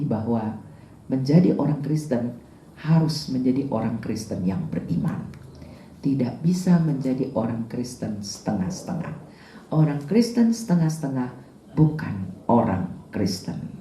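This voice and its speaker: A woman's voice: deep voice, dark tone. A woman with a Manado accent preaching a sermon, emphatic and dramatic as she tells a story. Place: church hall. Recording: echoey room.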